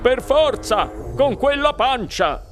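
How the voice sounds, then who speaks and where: A man puts on a blunt, grumbling father whose voice climbs and falls widely at an unhurried pace. He protests in a raised tone, with music clearly playing behind the storybook reading. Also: very high-pitched, big pitch swings, voice pushed up, full character voice.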